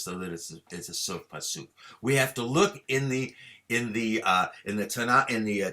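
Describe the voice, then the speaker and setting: Over a video call, a man with a mid-range, sharp-toned voice teaches a class Torah chanting. He explains and leads patiently and encouragingly, chanting each sign slowly so the students can repeat it.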